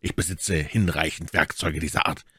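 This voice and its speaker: A man reading an audiobook, voicing a scornful English lord in a low, dry, subdued tone. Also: steady tone, moderate pace, sharp tone, husky, exaggerated voice. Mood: curt. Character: scornful male English lord, cool and curt.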